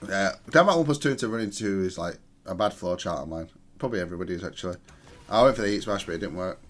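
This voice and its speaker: Talking fast and with animation, a man with a fairly low voice walks through his own gameplay. He's analytical and matter-of-fact about it, with a self-critical streak, reviewing his match.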